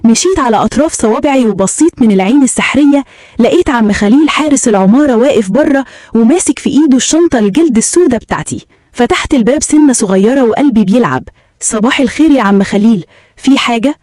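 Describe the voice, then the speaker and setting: An Egyptian woman tells a dramatic story in the first person, with tense, urgent narration. She talks fast in a slightly high voice. The recording is close and dry. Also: lively intonation, warm tone, no echo.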